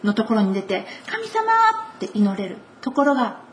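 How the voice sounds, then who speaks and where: A woman preaching a conversational sermon with a Kansai accent, voicing quoted lines with shifts in pitch. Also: brisk. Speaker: pastor.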